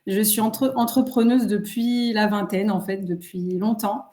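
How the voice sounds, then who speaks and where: A woman's voice: medium pitch, steady tone, unhurried, warm tone. A woman, a guest speaking earnestly and reflectively in a casual interview. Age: 30s. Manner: earnest, reflective, many fillers. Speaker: guest entrepreneur.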